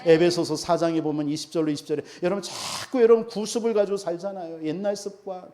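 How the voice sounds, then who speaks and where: A man's voice: high voice, quick pace, warm tone. A man preaching a sermon as pastor, emphatic and full of rhetorical questions to the congregation.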